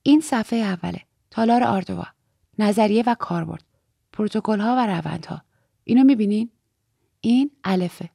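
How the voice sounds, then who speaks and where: A woman's voice: mid-range voice, gravelly, mellow, husky, no echo, clean studio sound. A woman reading as an earnest teenage girl in religious training, eager and confiding, sometimes dropping to a whisper. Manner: eager, confiding, drops to a whisper when fearful.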